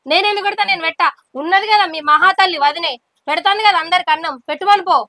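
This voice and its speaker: A woman acting out a sharp-tongued village wife in a short film. Her voice is very high and bright, and she complains at speed. The sound is dry and close. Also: fast talker, dry recording, exaggerated voice. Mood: bitter. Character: resentful village wife, mother of a small girl. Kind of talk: village family drama acting.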